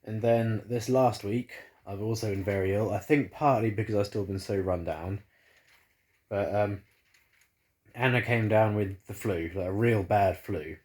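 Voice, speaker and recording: A man with a lowish, darkish voice chats unhurriedly to his phone camera from his living room. Still congested from the flu, he rambles, filling gaps with fillers and frequent restarts.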